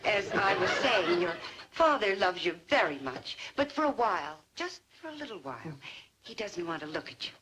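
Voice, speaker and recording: A woman plays a patient, tactful mother who coaxes with endearments. The voice is very lively in pitch. The vintage sitcom soundtrack is plainly noisy. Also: moderate pace, lightly acted. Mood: gently coaxing. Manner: coaxing, calling people dear. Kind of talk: 1950s-60s TV sitcom acting.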